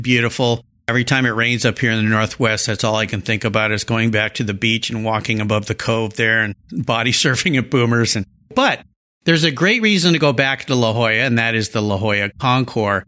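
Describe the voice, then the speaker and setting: A man's voice: mid-range voice, a little fast, sharp tone. A man from California hosting a casual interview, enthusiastic and full of playful car puns. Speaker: podcast host.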